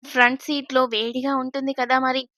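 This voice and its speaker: A woman's voice: high voice, flat delivery, a little fast, bright, forceful tone, no echo, clean studio sound. Woman voicing a teasing young man in love.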